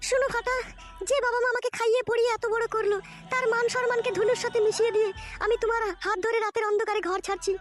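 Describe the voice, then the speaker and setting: A woman's voice: very high voice, level tone, very fast. A woman playing a young village woman running away with her lover, speaking tenderly and pleadingly, in a comic audio drama. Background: background music.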